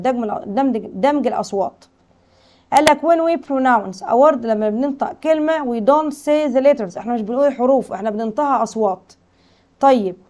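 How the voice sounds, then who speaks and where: A female teacher with an Egyptian Arabic accent explains a school English lesson, reading English lines slowly and translating them while asking her pupils questions. Her voice is high and a little mellow.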